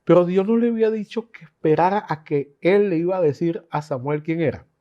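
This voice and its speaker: Male Bible teacher, chatty and animated, higher voice, muffled lo-fi audio. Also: brisk. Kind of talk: Bible class sermon. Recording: dull lo-fi recording.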